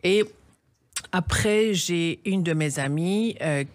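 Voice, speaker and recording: A middle-aged Iranian woman who founded a charity tells her story in a radio interview, speaking earnestly in halting phrases and frequently restarting. Her voice is on the low side, with no echo.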